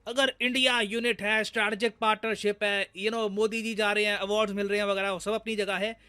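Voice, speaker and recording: Bright, high-voiced Indian man explaining news. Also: level tone, fairly quick, clean tone. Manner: conversational, addresses viewers directly. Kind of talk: explainer commentary on foreign affairs.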